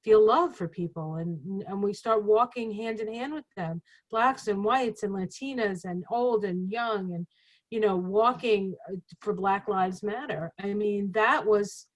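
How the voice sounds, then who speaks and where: A woman's voice: mid-range voice, a little slow, poor audio. A woman astrologer chats as a guest, her thoughts tumbling out in loose, rambling sentences. She leans on fillers like "you know" and "like" as she goes. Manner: rambling, chatty, filler-heavy. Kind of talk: casual conversation.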